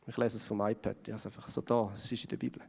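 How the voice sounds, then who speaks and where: A man's voice: fairly low pitch, little pitch movement, rapid-fire, creaky, darkish tone, slightly rough. Swiss German man preaching in a hall. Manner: conversational, asks the audience questions. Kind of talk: sermon. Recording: long hall reverb.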